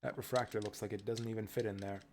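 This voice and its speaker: A man's voice: fairly low pitch, level tone, fast, a little mellow, a little hiss or hum. A man streaming a game, giving casual, rambling, enthusiastic fan commentary. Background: video game music and dialogue.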